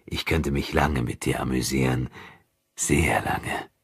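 A cruel armored knight who mocks his captive in a slow, drawn-out sneer, as a man voices him in an audiobook. The voice sits very deep with a husky grain, and the recording is dry and close. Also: steady tone, no room sound, full character voice. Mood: mocking. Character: cruel armored male knight, mocking and calm. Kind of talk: audiobook character reading.

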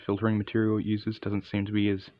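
A man's voice: on the low side, completely flat delivery, fast, no echo, dull audio. A man giving a casual, unscripted hands-on product review in an understated, matter-of-fact way.

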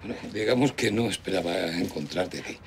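A man's voice: sits low, expressive, brisk, a little hiss or hum. An actor in his fifties playing a reserved police officer in a naturalistic TV drama. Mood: wary, curious. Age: 50s.

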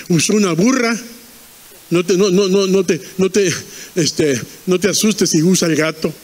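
A man's voice: sits high, takes it slowly, long pauses, darkish tone, in a large hall. A man preaching a fervent sermon in a church, repeating lines and quizzing the congregation.

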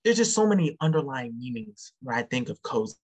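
A man talks music on a relaxed podcast, his speech quick and running. His voice has a husky, slightly rough edge. He gets excited and leaps up in pitch when he acts out what someone said. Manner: fast, excitable, acts out quotes with sharp jumps in pitch. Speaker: podcast host. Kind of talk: casual music chat.

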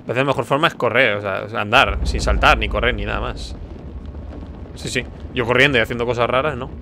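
A man's voice: medium pitch, fairly quick, sharp tone, slight background noise. Tense muttering gamer man. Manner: reactive, mutters tensely, yelps when scared. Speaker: gaming streamer. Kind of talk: let's play commentary.

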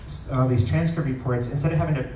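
A man presenting a live software demo at an indoor meetup, explaining informally with frequent pauses, picked up by a distant camera. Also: medium pitch, fairly even intonation. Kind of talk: live product demo talk. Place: large wood-ceilinged meetup room, indoors. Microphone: far camera recording the room. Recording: roomy, distant pickup with faint noise.

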